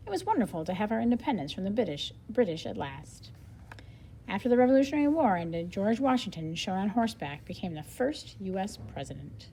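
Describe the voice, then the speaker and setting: A woman with a mid-range voice reads a nonfiction book aloud to children as a lesson, expressive and pausing to explain things simply and think out loud. A faint hiss or hum sits under the recording.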